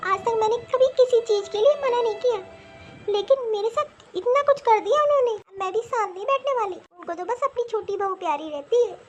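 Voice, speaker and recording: A woman's voice: very high-pitched, fairly quick, muffled recording, faint music behind. A woman voicing a young elder daughter-in-law in a cartoon, earnest and firm in her manner. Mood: aggrieved. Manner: earnest, pleading then firm. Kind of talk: cartoon voice acting.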